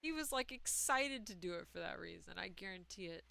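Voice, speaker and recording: Young woman streamer, bright and chatty, lots of "like", excitable gaming banter. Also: fairly low pitch, brisk, vocal fry. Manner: chatty, excitable, heavy use of "like". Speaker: live streamer. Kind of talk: casual chat while gaming.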